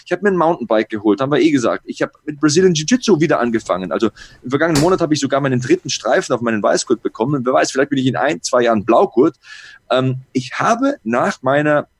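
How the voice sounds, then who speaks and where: A man's voice: mid-range voice, lively intonation, quick pace. A man in his late thirties co-hosting a podcast, talking earnestly and reflectively in casual chat. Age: 30s. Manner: reflective, earnest, listing things off. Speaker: podcast co-host.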